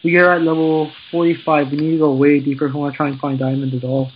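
A man chatting casually while playing a game with friends, excitable and quick with tips. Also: a little high, a little hiss or hum. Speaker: gamer. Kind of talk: casual gaming chat. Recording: dull lo-fi game mic.

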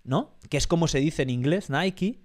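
A man with a Spain Spanish accent talking on his podcast in a loose, chatty way. His voice sits a little high for a man, and he winds around his point with plenty of fillers and false starts. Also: animated, fairly quick, darkish tone. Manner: rambling, many restarts and fillers. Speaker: podcast host. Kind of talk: casual podcast chat.

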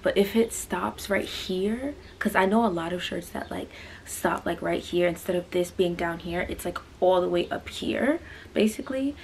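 A woman's voice: fairly low pitch, moderate pace, gravelly, darkish tone, slight background noise. A twenty-year-old woman rambling casually through a clothing try-on haul, full of fillers and asides, filmed in a small bedroom. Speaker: fashion vlogger. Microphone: camera on a stand, mid-distance.

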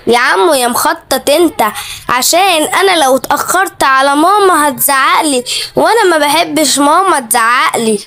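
A woman's voice: sits high, lively intonation, normal speed, pushed and bright, heavily acted. A woman voicing a timid little tiger cub. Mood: pleading.

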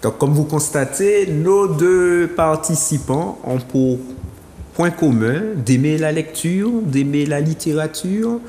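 A man presents a book show in a formal, welcoming way. His slightly high voice rises and falls a great deal. The room is roomy, with a long trailing reverb and a faint hiss. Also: animated, slow, dark tone. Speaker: TV show host.

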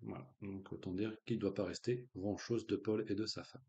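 Guy running a live quiz game, fairly low voice, jokey and slangy, lots of uh and um. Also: steady tone, fairly quick, vocal fry, darkish tone, highs cut off. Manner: joking, slangy, many fillers. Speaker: quiz host. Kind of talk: casual live quiz hosting.

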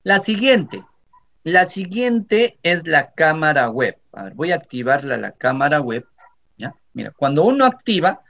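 A man with a Peruvian Spanish accent, teaching a software tutorial for teachers step by step and often checking that his listeners are following. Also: fairly high pitch, sing-song, measured pace, creaky. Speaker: teacher training instructor. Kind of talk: screen-recording software tutorial. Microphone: computer microphone. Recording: slightly dull lo-fi audio.

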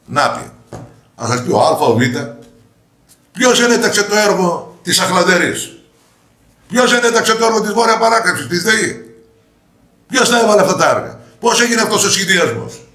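Telling stories in answer to an interviewer, an older parliamentary candidate from Greece plays out quoted dialogue within his anecdotes. His voice sits a little high and sounds pushed and bright, with a roomy echo on the recording.

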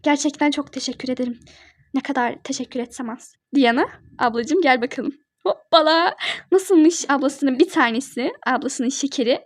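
A woman's voice: high voice, lightly acted. A woman voicing a protective young older sister in a toy-figure drama, pleading and caring by turns. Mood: tender. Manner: pleading then tender, fast-shifting.

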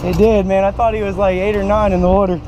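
A man excitedly narrating his fishing trip from a boat, recorded on an action camera outdoors, repeating his phrases and calling everyone baby. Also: high-pitched, fast. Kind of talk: excited casual commentary. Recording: outdoor camera audio with loud wind and engine noise.

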